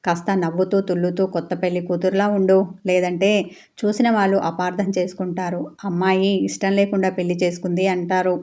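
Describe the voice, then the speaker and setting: A woman's voice: lowish voice, little pitch movement, brisk, dark tone, close to an everyday voice. A woman voicing a middle-aged mother of the bride who scolds her daughter anxiously. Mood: scolding. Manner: scolding, tense.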